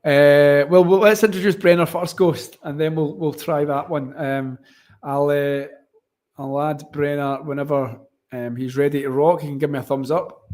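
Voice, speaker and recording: A man's voice: fairly high pitch, fairly even intonation, moderate pace, a little mellow. A man with a broad, thick Scottish accent hosting casual live tennis commentary, wordy and often rewording himself mid-sentence. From Scotland. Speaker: watchalong stream host and commentator.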